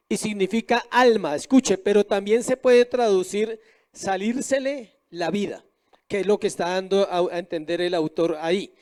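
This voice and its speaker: A man with a high, light voice preaching from the pulpit. He is middle-aged and keeps throwing questions out to the congregation, then answers them himself. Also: darkish tone. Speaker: pastor. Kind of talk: sermon.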